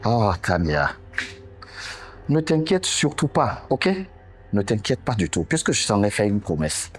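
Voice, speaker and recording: An actor playing a smooth-talking younger brother in a TV drama, speaking French with a West African accent, coaxing and soothing his sister. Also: lowish voice, very animated, measured pace, soft background music. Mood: reassuring. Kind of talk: TV drama dialogue.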